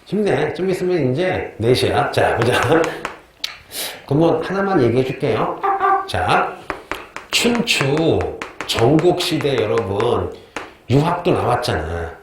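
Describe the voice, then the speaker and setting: Lively male teacher in an echoey classroom. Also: mid-range voice, slow. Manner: asks questions and answers them himself, repeating key terms; chatty, tells joking anecdotes. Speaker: history teacher. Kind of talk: classroom history lecture with quiz questions. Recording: very echoey classroom with faint noise.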